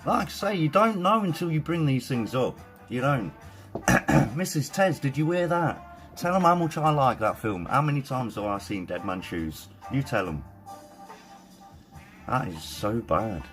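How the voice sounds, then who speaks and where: Brief: British man, live-stream host, chatty and excitable, casual swearing, faint music behind. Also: mid-range voice, unhurried.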